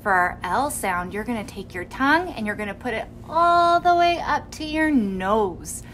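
A young woman teaching small children speech in a playful, expressive way, modeling sounds and words slowly with exaggeration. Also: fairly high pitch, slight background noise. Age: young adult. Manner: animated, expressive, gasping in mock surprise. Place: small indoor room with curtain backdrop.

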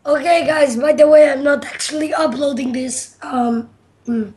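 Easygoing female gamer, high voice, casual chatty commentary. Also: fairly even intonation, moderate pace, a little mellow. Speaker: gamer recording a multiplayer session. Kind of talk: casual gameplay chat.

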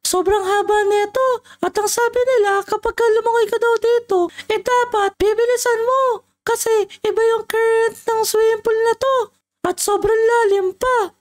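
A woman playing a chatty, playful young friend in a Minecraft role-play, with a piercingly high voice that teases and jokes. The figure has a soft spot for someone and lets it show in every line. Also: steady tone, normal speed. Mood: explaining.

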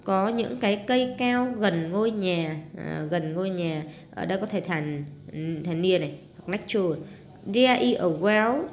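A woman's voice: medium pitch, animated, measured pace, a little hiss or hum. A woman with a Southern Vietnamese accent, walking through homework as a teacher and translating English words step by step. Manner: explains step by step, translating English words and adding sentence-end particles. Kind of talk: homework walkthrough lesson.

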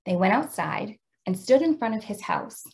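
A middle-aged woman with an American accent, explaining and reading aloud as a teacher of young children in an expressive way. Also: mid-range voice, normal speed, vocal fry, slight background noise. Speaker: teacher demonstrating a read-aloud.

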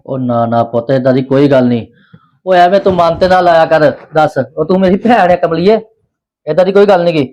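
A man, playing a soft-hearted husband and brother who keeps soothing both women. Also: a little high, a little fast, dull audio, close to an everyday voice. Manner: soothing, placating.

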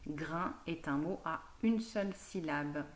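A woman teacher giving a slow, patient phonics lesson to a young child, sounding out each word and syllable clearly. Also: deep voice, a little hiss or hum.

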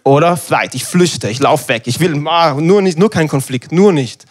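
Preacher, 30s, slightly higher voice, chatty and animated, sermon delivery. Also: male voice, normal speed. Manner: lively, conversational, acts out dialogue.

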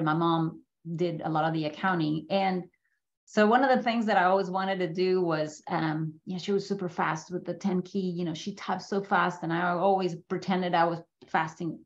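The audio is dull and the woman's pitch is fairly low. She is a middle-aged guest speaker from Mexico City at a business school, talking conversationally through a slide presentation about her own life on a video call from an indoor room and frequently checking in with those listening.

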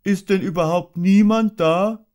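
A man doing a slow, hummy honey bear. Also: sits high, a little mellow, voice pushed up. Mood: cheerful, slow. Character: plump honey-loving male bear, simple and good-natured. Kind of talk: audiobook character voice.

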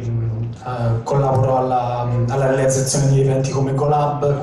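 A man community coordinator introducing himself into a handheld mic, hesitant but steady. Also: mid-range voice. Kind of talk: self-introduction. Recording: echoey hall, mic far off.

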